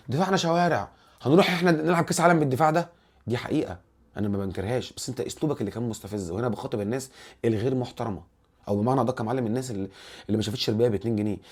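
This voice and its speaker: A man with an Egyptian accent hosting a casual football commentary vlog, animated and rambling, restarting his words often. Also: medium pitch, very fast, breathy edge. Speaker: football channel host.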